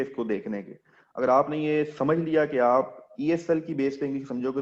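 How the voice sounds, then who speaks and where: A man's voice: medium pitch, a little mellow, dull audio. A man teaching an English class online, explaining step by step and quizzing his students as he goes.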